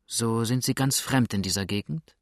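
A man reading the part of a frightened, grieving young woman in an audiobook, speaking softly and anxiously. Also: medium pitch, moderate pace, no room sound, studio quality, lightly acted. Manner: soft, anxious and hushed.

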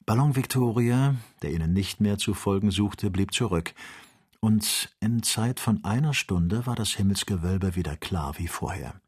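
Husky male narrator for a measured audiobook reading. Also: lowish voice. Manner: even, measured storytelling. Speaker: audiobook reader.

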